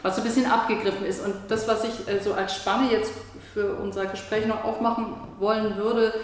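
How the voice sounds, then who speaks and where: A woman's voice: mid-range voice, fairly even intonation, fairly quick. A woman moderating a reflective conversation, thinking aloud and searching for her words. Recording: echoey hall with faint noise.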